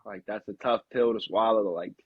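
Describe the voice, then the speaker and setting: A man's voice: fairly low pitch, normal speed, husky, dry recording, narrow, tinny audio. A young man co-hosting a sports podcast, talking casually with lots of slang and frequent laughs. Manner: animated, slangy, laughs often. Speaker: podcast co-host.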